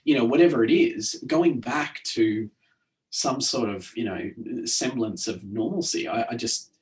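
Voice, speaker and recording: A man's voice: mid-range voice, a little slow, distant mic. A man co-hosting a casual podcast chat, talking in a hesitant way with many fillers and restarts. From Australia. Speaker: podcast co-host.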